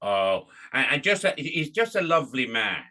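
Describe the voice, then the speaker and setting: A man in middle age hosts a casual interview. His voice is bright and sharp at an average male pitch, and he chats informally with his guest. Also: sing-song, moderate pace. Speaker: podcast host.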